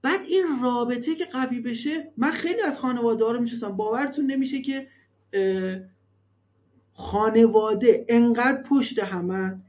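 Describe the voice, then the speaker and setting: A man's voice: very high voice, a little mellow. A man giving religious advice to parents in an earnest, emphatic way, with many rhetorical questions. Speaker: religious family counselor. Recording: dull lo-fi recording.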